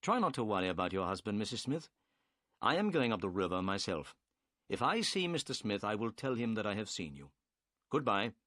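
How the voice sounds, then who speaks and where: A man voicing a calm, clever male detective who speaks politely, briskly and with assurance. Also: on the low side, no echo, studio quality. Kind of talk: audiobook character voice.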